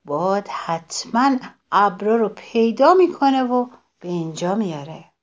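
A woman voicing a patient, hopeful old tree in a children's storybook, speaking gently. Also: mid-range voice, sing-song, lo-fi sound, close to an everyday voice. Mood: reassuring.

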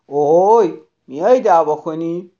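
A woman voicing a grumpy, quarrelsome little ladybug in a children's storybook tale, gruff, loud and hasty. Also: fairly low pitch, animated, lo-fi sound, natural voice.

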